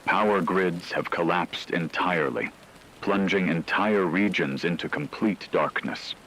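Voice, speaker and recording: A man with a very low-pitched yet fairly bright voice plays a grave emergency broadcast announcer in a horror radio drama. He reads the scripted report in a solemn, measured, ominous way over clearly noisy, rain-like ambience.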